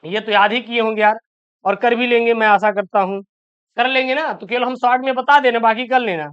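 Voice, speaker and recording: A man with a very high-pitched, smooth, slightly bright voice teaches an exam-prep lesson at a brisk, steady pace. He poses questions aloud and answers them himself, constantly throwing in "sir" as a filler, and the recording is dull and lo-fi.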